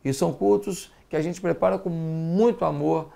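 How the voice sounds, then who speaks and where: A man's voice: a little high, moderate pace, vocal fry, warm tone. A man with a Brazilian accent, a pastor giving an earnest broadcast sermon, emphatic and fatherly, repeating words for stress. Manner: fatherly exhortation.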